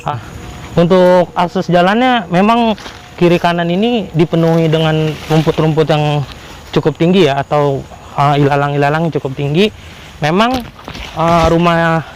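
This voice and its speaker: A man narrating an exploration vlog to viewers in a halting, repetitive way. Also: on the high side, slight background noise, poor audio. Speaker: vlogger exploring abandoned houses. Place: abandoned roofless house and overgrown grounds in drizzle.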